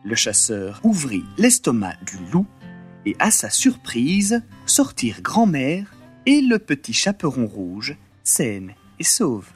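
A man narrating a storybook in an expressive, dramatic way with a slightly husky voice. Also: medium pitch, slow, faint music behind. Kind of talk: storybook reading.

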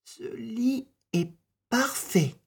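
A man voicing a fussy little girl in a high, picky tone. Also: expressive, very slow, gravelly, slightly rough, heavily acted.

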